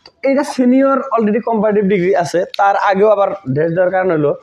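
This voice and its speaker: A man explaining grammar to students in a high, very animated voice. He repeats key terms and keeps checking that they understand. The recording sounds dull and lo-fi. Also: fast talker. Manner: asks students to confirm, repeats key words. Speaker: English grammar teacher.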